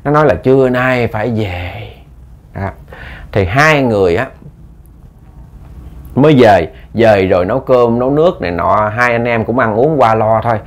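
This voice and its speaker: A man's voice: mid-range voice, expressive, moderate pace, long pauses. A man narrating a ghost story conversationally, often repeating words and addressing listeners.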